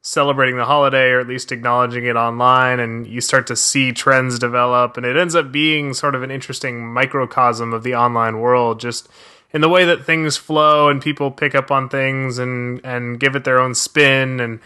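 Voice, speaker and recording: Male podcast host, bright forward tone, mid-range pitch, conversational presenting. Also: fairly even intonation, moderate pace, smooth. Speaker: podcast host, social media strategist. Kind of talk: podcast talk on marketing.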